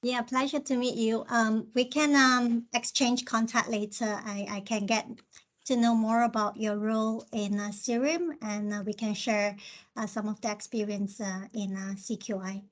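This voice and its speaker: A woman's voice: on the high side, steady tone, normal speed. A woman from Malaysia speaking on a webinar in a friendly way, with fillers. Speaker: webinar attendee.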